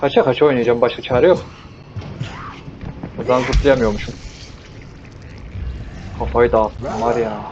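A man's voice: mid-range voice, fairly even intonation, a little slow, pauses often. Joking young man playing a zombie game. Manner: joking, talks to the zombies, bursts into yells. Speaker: gameplay streamer. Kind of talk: casual let's-play commentary. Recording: dull lo-fi mic with noise.

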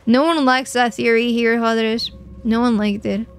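A young adult woman from Portugal streams a video game, chatting playfully with viewers and answering their messages with mock anger and jokes. Her voice is on the high side, with fairly even intonation, normal speed, and a clear, resonant tone.

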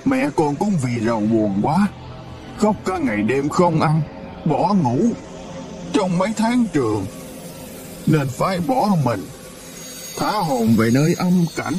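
A lamenting old father begs his lost children to come home, as a man puts him on for a storybook. His pleading voice swoops widely and drags slowly, with music playing clearly underneath. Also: on the high side, very animated, heavily acted. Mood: grieving. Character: grieving old rich man, tearful father. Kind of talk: storybook role reading.

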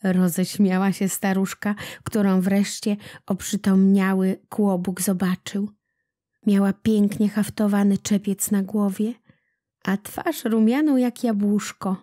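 Woman reader for a children's folk-tale audiobook, mellow tone, very slow and deliberate, dry close sound. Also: mid-range voice, steady tone, dry recording. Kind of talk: reading a children's legend aloud.

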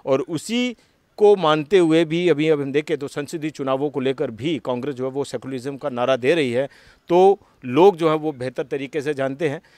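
A man's voice: fairly high pitch, warm tone, no room sound. Formal male news anchor, dry sound. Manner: formal, measured commentary with occasional hesitations. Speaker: news channel interviewer and anchor. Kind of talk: political interview wrap-up.

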